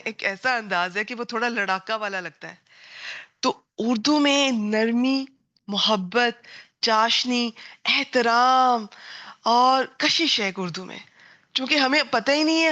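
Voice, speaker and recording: A woman's voice: on the high side, sharp tone, no room sound. A middle-aged woman from Pakistan, a native Punjabi speaker, teaching a Quran grammar class in an earnest, digressive way, mixing in English words. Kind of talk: online class lecture.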